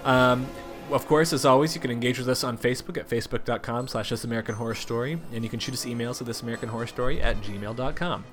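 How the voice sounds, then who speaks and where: A man's voice: mid-range voice, very fast, few pauses, fairly bright tone. Stuffy nasal guy cohosting a podcast, rambly, lots of ums, faint music under it. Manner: rambling, thinks aloud with many fillers. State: congested, nasal voice. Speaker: podcast co-host. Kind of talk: casual chat about a TV show.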